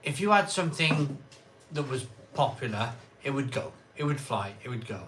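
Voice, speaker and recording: A man's voice: mid-range voice, expressive, normal speed, background noise. A man hosting a live beer review stream, chatting casually and rambling with restarts. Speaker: host of a beer review channel.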